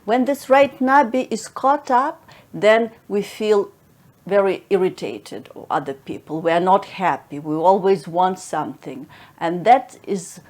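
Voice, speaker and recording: Gentle woman teaching meditation. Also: medium pitch, measured pace. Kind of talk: explanatory meditation talk.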